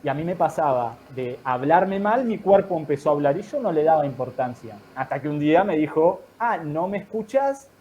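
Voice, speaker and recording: A man, a guest in an online talk, giving calm, thoughtful advice in measured explanatory phrases. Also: a little high, dull audio, a little hiss or hum. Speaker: guest speaker.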